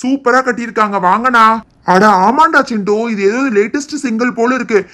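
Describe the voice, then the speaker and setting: Woman doing cheeky kid boy voice, whiny, doll cartoon, high. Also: brisk, a bit bright, close to an everyday voice. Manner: whiny, cries out in pain. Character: cheeky boy, mischievous and then hurt. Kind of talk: doll-video voice acting.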